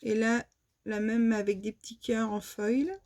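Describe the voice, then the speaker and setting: French woman doing a haul vlog, kinda high voice, slow, lots of ums. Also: fairly even intonation, darkish tone. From France. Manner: hesitant, many fillers and restarts. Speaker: vlogger showing a shopping haul. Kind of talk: casual show-and-tell haul.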